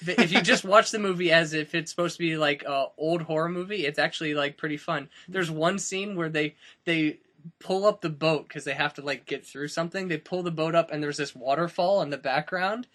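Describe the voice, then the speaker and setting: A man's voice: fairly high pitch, moderate pace, pushed and bright. A man in his twenties co-hosting a casual podcast in a friend's house, rambling with plenty of fillers and restarts. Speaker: podcast co-host. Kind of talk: casual chat.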